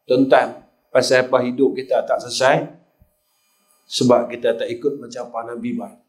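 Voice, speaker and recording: A man's voice: medium pitch, level tone, moderate pace. An older man with a Kedah Malay accent, preaching a sermon and telling stories to the congregation, often turning to address the listeners directly. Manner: storytelling, repeatedly addressing the audience as sirs.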